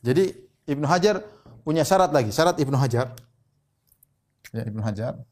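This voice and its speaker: A man giving a religious lecture, repeating key phrases and reading Arabic quotations slowly. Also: medium pitch, animated, darkish tone. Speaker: Islamic preacher.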